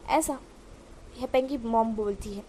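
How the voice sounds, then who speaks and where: A woman's voice: a little high, unhurried, dark tone, slightly rough. A woman storyteller retelling fan fiction in a chatty way, sometimes correcting herself mid-sentence.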